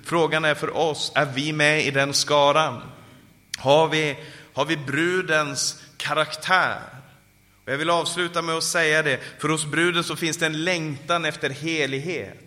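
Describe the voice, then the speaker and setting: A man preaching a sermon at a summer conference and closing in fervent prayer. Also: bright, forceful tone. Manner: fervent, rising to calls and dropping low in prayer. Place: conference hall. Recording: live sermon in a reverberant hall.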